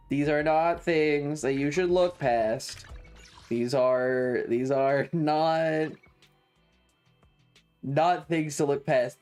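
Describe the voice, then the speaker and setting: Chatting casually over gameplay, this streamer has a mid-range voice with a darkish tone. The delivery is sardonic and mock-serious, lingering over the words during the livestream commentary.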